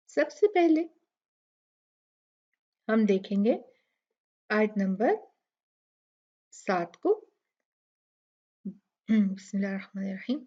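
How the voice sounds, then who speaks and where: A woman's voice: medium pitch, dark tone, lo-fi sound. A woman teaching Quran recitation rules, patiently explaining each word and demonstrating it aloud. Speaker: tajweed teacher. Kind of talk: step-by-step recitation lesson.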